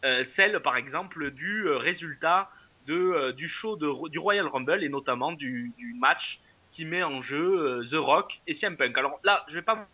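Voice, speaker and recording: A man's voice: a little high, animated, moderate pace, bright, forceful tone, highs cut off. A man co-hosting a wrestling show in casual podcast chat, hesitant, with many fillers and restarts.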